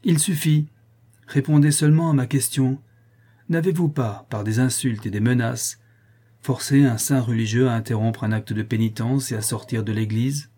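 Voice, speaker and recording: A man voicing a commanding grand inquisitor, curt orders, husky dark voice, loud. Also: mid-range voice, steady tone, normal speed, close to an everyday voice. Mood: stern. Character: stern older male grand inquisitor, commanding.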